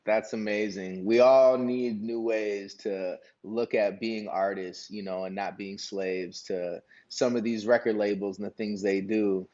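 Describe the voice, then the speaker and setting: A man's voice: on the low side, steady tone, a little slow, few pauses, mellow, muffled recording. Guy hosting a chill crypto podcast, hyped and slangy, talks to the audience a lot. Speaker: podcast host. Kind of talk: casual interview chat.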